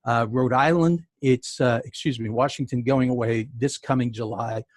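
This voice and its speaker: A man with a New York accent gives a webinar presentation, his voice a little husky and his pitch sitting in the middle of the usual range. He talks loosely and conversationally, with plenty of ums and dry jokes, over a close, dead sound. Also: fairly even intonation, moderate pace, dry recording. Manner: conversational, filler-heavy, wry jokes. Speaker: sales tax consultant presenting a webinar.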